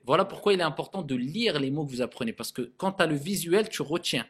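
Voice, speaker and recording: Male tajwid teacher, slightly high voice, drills Arabic words slowly, keeps checking understanding. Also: animated, a bit bright, slightly rough. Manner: checks in with frequent "d'accord?" and "ok?". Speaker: Quran recitation teacher. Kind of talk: tajwid lesson.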